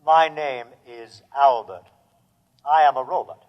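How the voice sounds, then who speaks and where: An actor playing a polite, tireless robot in a 1950s radio drama, speaking in a measured, literal way on a muffled old recording. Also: male voice, medium pitch, close to an everyday voice. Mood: calm, eager to serve. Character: polite, tireless, obliging humanoid robot named Albert.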